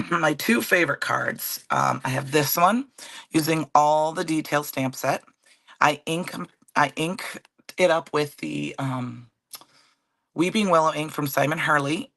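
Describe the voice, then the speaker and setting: A woman with a cold and a raspy, hoarse voice, chatting casually as she hosts a live card-making demo and greets viewers by name. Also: low voice, a bit bright, dry recording. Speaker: card-making livestream host.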